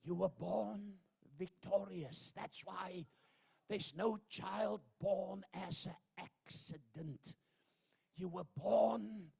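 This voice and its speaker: An older man from Zambia preaching a sermon, swinging from hushed asides to loud shouted proclamations. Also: high-pitched, vocal fry, breathy edge. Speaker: pastor.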